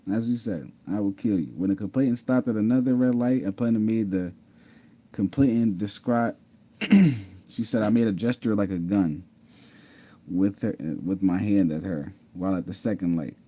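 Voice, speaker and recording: A man's voice: on the low side, moderate pace, dark tone. A man casually telling his own story to viewers, repeating himself, laughing and saying "mind you". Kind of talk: casual storytelling over screen share.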